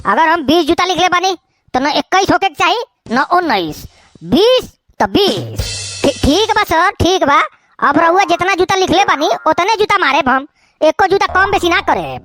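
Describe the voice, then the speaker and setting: A woman doing very high, squeaky voices for quarrelsome village cartoon characters with a Bhojpuri accent. The delivery is lively and swoops around as they tease, stammer and argue. Her tone is bright and sharp. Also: moderate pace. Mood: bickering. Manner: teasing, quarrelsome banter with stammers. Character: bickering village men and a film director. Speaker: cartoon voice actor. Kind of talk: village comedy cartoon dialogue.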